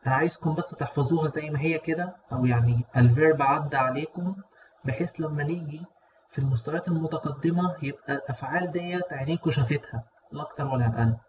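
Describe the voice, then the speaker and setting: A man from Egypt with an Egyptian Arabic accent, giving a casual spoken lesson and repeating words slowly. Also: a little high. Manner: repeats words slowly and drawn out, checks in with listeners. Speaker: German language teacher. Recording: dull lo-fi audio with faint noise.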